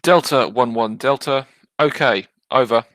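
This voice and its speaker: A man heard over a walkie-talkie, slowly answering a radio check with call signs in clipped voice procedure. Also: mid-range voice, a bit bright, no echo. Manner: slow, deliberate radio replies. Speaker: instructor demonstrating radio procedure.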